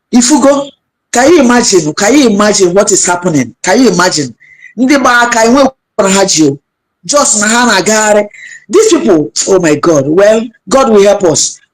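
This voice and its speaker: A woman's voice: medium pitch, low-quality recording. A woman caller with a Nigerian Igbo accent, talking in an agitated, repetitive way and switching between languages. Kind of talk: impassioned call-in talk mixing languages.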